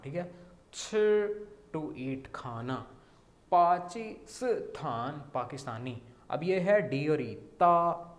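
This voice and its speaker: Pakistani man teaching Mandarin in an echoey room. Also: mid-range voice. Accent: Pakistani Urdu. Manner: repeats sounds slowly, many "theek hai" checks. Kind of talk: language lesson explaining words.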